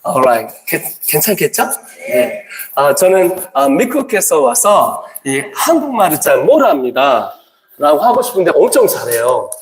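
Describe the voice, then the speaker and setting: A man's voice: a little high, sing-song, unhurried. Joking missionary man in an echoey hall. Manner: joking, quizzes the audience, switches into English. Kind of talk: humorous church talk to a crowd.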